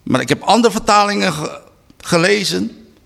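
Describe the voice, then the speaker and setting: A man giving a preaching Bible study talk, reading slowly and deliberately with emphatic restarts. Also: sits high, lively intonation, creaky, a bit bright. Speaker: Bible teacher.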